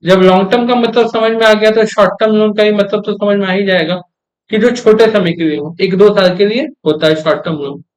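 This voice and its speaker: Young male lecturer, high pitch, drills terms, keeps asking students if it's clear. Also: fairly quick. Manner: asks the class frequent check questions; repeats key terms for emphasis. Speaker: commerce teacher. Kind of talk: classroom lecture.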